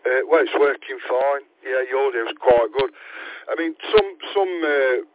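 A man chats easily on a ham radio call from his parked van, restarting phrases as he goes. His voice has an ordinary pitch. It reaches the listener through a narrow, tinny radio channel. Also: unhurried. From English Midlands. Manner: relaxed, chatty, often restarting phrases. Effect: heard over a ham radio link. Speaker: amateur radio operator.

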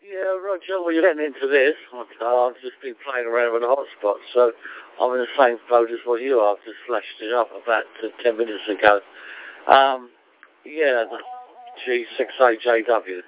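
A man from England answering a call over a fading amateur radio transmission, talking quickly and casually with fillers. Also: mid-range voice. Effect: fading, thin amateur radio transmission. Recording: tinny radio line, dry.

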